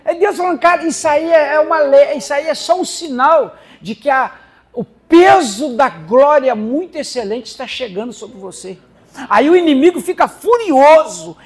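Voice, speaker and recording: A woman with a Brazilian accent preaching a sermon in a church service, animated, laughing as she speaks and acting out the voices she quotes. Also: high-pitched.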